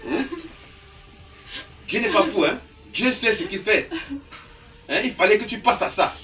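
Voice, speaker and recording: An actor playing a lecherous, manipulative middle-aged uncle, insistent and wheedling. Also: male voice, sits high, animated, a little slow, sharp tone, exaggerated voice. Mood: pushy. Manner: insistent, wheedling, keeps tagging "hein?". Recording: distant mic with background music.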